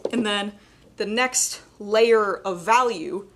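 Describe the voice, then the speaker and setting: A woman's voice: medium pitch, slow, a bit bright. A young adult woman with a slightly cracking voice, teaching a live painting demonstration in a casual, chatty way. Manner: casual, chatty explaining with many "like" and "kind of". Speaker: painting instructor.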